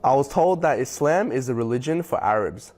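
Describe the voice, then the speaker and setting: A man's voice: medium pitch, expressive, brisk. Reflective young man from Hong Kong. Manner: reflective, with frequent ums and soft laughs. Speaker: convert sharing his story. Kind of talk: personal testimony to camera. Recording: faint music bed behind voice.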